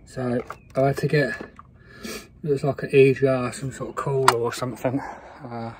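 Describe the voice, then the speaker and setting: A man's voice: medium pitch, level tone, normal speed. A man, talking casually on a phone camera outdoors while he works on a car engine and thinks aloud. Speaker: mechanic vlogger. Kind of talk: casual work vlog. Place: outdoors beside a car with the bonnet open. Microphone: phone camera held close. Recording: outdoor ambience noise behind the voice.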